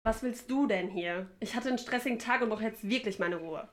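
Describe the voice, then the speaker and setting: A woman's voice: fairly high pitch, brisk, noisy background, close to an everyday voice. A woman playing a ruthless, ratings-obsessed television producer who is snappy and domineering in an audio drama. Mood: cold. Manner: snappy and domineering, shouts when angry. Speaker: production manager.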